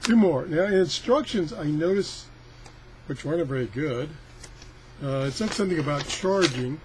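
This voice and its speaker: In a noisy amateur clip, an older product reviewer casually shows off an item, rambling and grumbling in a folksy, self-deprecating manner. He speaks at a normal speed, his voice on the high side with lively intonation.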